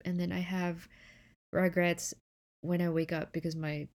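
A woman's voice: on the low side, flat delivery, measured pace, darkish tone. A woman hosting a casual solo podcast from her bed, chatty and rambling, sounding a little stuffy with a sore throat. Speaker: podcast host. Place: in bed indoors.

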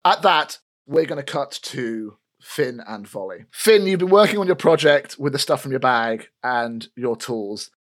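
A man narrating and running a tabletop game as game master, in a relaxed, descriptive way. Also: medium pitch, unhurried, few pauses.

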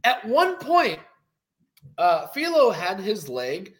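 A man co-hosting a casual post-fight show, talking in an animated, rambling way with many fillers. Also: high voice, slow pace. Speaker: co-host.

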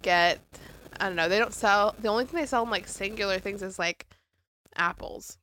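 A woman's voice: medium pitch, moderate pace, bright, forceful tone, slight background noise. A young woman co-hosting a casual chat podcast, a little stuffy and nasal from congestion, chatty with lots of likes and ums. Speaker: podcast co-host.

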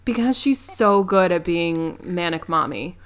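A woman with a smooth, clear voice recaps a film's plot in a relaxed podcast chat. She is playful, jokes along the way, and leans on "um" and "like" as she goes. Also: fairly low pitch, measured pace. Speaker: podcast co-host. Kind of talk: casual movie review chat.

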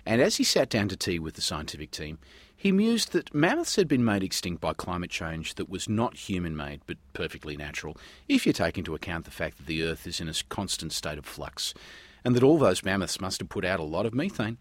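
Male science radio host. Very low, rough-edged husky voice, wry scripted delivery, close dry recording. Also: big pitch swings, brisk, no room sound. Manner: wry, tongue-in-cheek. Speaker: radio science show host and news reader.

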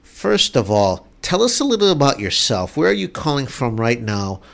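A man's voice: mid-range voice, sing-song, normal speed, vocal fry. Earnest male radio host. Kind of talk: radio interview.

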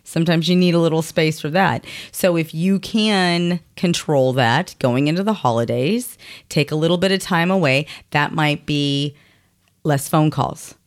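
A woman from Puerto Rico chatting casually on a podcast, animated and fond of acting out what other people say. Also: deep voice, unhurried. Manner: animated, acts out quoted voices, laughs often. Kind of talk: casual chat.

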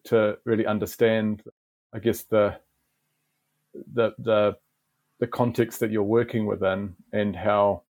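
A low, gravelly voice belongs to a middle-aged New Zealand garden manager who explains in a laid-back podcast interview, frequently starting over mid-thought. There's no echo.

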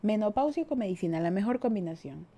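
A young Ecuadorian woman hosting a casual podcast chat, her voice warm and mellow. She giggles often and pokes fun at herself as she reacts to listener comments. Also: mid-range voice, lively intonation, fast. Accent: Ecuadorian Spanish. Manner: giggly, self-mocking, laughs often. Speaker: podcast host.

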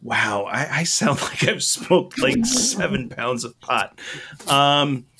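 A man co-hosting a casual podcast, giving opinions in a halting, meandering, loose and tipsy-sounding way. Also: a little high, big pitch swings, background noise. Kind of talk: casual rambling chat.

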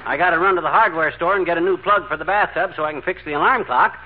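An actor playing a folksy, overconfident American husband in a 1940s radio comedy, slangy and breezy, on an old noisy recording. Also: male voice, fairly high pitch, fast talker, phone-quality sound, natural voice. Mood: breezy, boastful.

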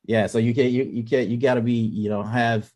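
A man in his thirties co-hosting a podcast, talking casually and haltingly with many restarts. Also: mid-range voice, steady tone, mellow. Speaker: podcast co-host. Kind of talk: casual chat.

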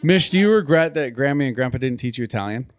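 A man's voice: mid-range voice, animated, quick pace. A man hosting a casual family conversation, asking questions and telling stories. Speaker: host of a family conversation show. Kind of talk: casual chat.

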